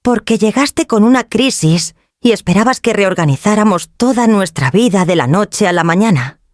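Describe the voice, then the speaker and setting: A woman's voice: mid-range voice, lively intonation, moderate pace, dry recording, studio quality, pitched above the performer's own voice, natural voice. A woman voicing a cold, dismissive adult daughter who speaks curtly and impatiently in a story reading. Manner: curt, impatient.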